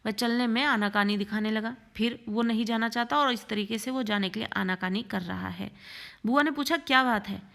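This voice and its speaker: A woman teacher with a somewhat high voice reads a short story aloud and explains it as she goes. Her delivery is measured and explanatory, a steady classroom reading. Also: creaky. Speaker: Hindi teacher.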